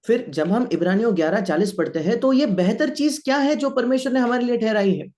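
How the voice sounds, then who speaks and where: A man's voice: very high voice, fast, darkish tone. A man interpreting a sermon line by line, speaking steadily with small restarts.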